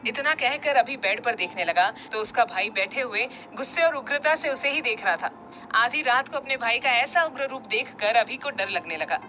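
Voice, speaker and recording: A woman narrating a romantic story in an expressive storybook reading. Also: a little high, normal speed, a little hiss or hum, rough recording.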